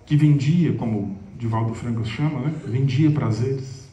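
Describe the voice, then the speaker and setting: A man's voice: mid-range voice, normal speed, mellow, dull audio, slight background noise. A man with a Minas Gerais accent giving an informal storytelling lecture to an audience, speaking chattily and addressing them directly. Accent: Minas Gerais Portuguese. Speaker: spiritist lecturer. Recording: echoey hall, mic far off.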